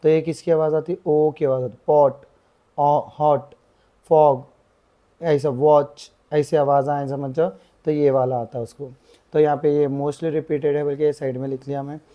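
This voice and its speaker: This fairly high-voiced young tutor explains grammar, slowly drawing out his example words and recycling the same fillers over and over. The high frequencies of the audio are cut off.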